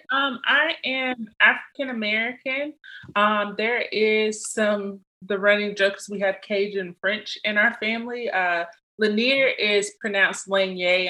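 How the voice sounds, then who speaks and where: Chatty woman with a bright voice. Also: mid-range voice. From Mississippi, US. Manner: friendly, chatty, many "um" fillers. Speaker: interview guest, costume and wig artist. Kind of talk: conversational interview. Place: home office.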